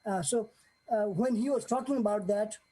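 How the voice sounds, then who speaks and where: A man speaks with a high, husky voice. His tone is mellow and unhurried, and he tells his story earnestly, pausing and restarting often as he searches for words. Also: rough recording. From Nepal. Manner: earnest, halting, many fillers and restarts. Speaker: guest sharing a devotee testimony. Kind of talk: casual spoken testimony.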